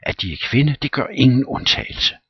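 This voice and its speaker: A man reading a play aloud and voicing a loud, blustering, quarrelsome landowner. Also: medium pitch, expressive, breathy edge, dry recording, lo-fi sound, voice pushed up.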